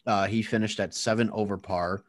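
A man's voice: lowish voice, fairly even intonation, fairly quick. Laughing man reading golf standings. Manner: reads out standings, laughing often. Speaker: podcast co-host tallying the picks. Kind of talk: casual chat among friends.

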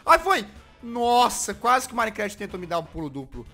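A high-voiced man with a Brazilian Portuguese accent narrates a Minecraft parkour run. His bright voice leaps around a wide, lively range as he swings between muttering and frustrated yells. Faint music plays behind him. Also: a little fast. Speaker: gaming video host. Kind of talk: Minecraft parkour gameplay commentary.

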